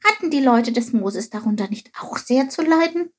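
A woman doing a high eager little creature. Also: lively intonation, normal speed, husky. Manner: eager, indignant questions.

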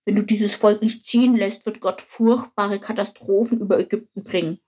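A woman's voice: medium pitch, fairly even intonation, normal speed, dark tone, breathy edge, close to an everyday voice. A woman voicing a know-it-all male frog who tells the story in a matter-of-fact, slightly smug way.

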